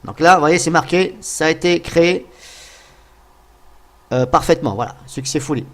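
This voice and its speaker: A man narrating a casual software tutorial, thinking aloud as he goes and talking to viewers with frequent hesitant fillers. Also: fairly high pitch, normal speed. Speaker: tutorial host.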